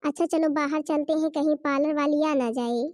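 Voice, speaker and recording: A woman's voice: high-pitched, steady tone, normal speed, darkish tone, no room sound, studio quality, close to an everyday voice. A woman doing a vain, fashionable old granny.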